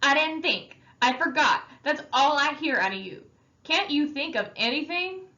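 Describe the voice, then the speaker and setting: Harsh, shouting older teen brother, as a woman reads him, high strained voice, muffled recording. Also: normal speed. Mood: furious.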